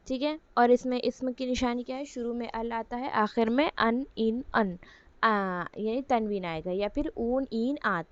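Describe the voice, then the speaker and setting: Woman Quran Arabic tutor, higher voice, methodical, checks in often, slow recitation; muffled lo-fi audio. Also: smooth, dry recording. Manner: explains step by step, asks and answers own questions; repeats "ठीक है" as a check-in. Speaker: Arabic grammar teacher. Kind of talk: online Quran Arabic lesson.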